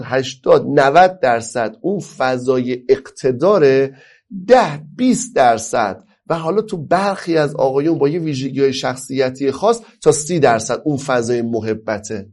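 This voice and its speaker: A man's voice: on the high side, a little mellow. Man from Iran with a slightly raised voice, lecturing emphatically and drawing out key phrases. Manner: emphatic, asks rhetorical questions then answers them; stretches key phrases slowly, then speeds up. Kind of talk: lecture on family life.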